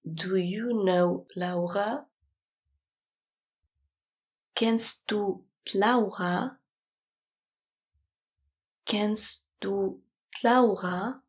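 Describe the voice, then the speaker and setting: A woman reading phrases aloud for sleep learning, slow and calm, saying each one twice. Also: medium pitch, poor audio. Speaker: language teacher reading phrases.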